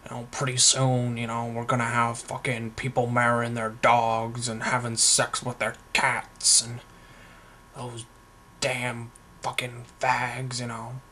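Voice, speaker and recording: A man's voice: medium pitch, completely flat delivery, slow pace, a little hiss or hum. A young man doing a hateful redneck ranter. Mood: ranting. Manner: loud, hateful cursing rant.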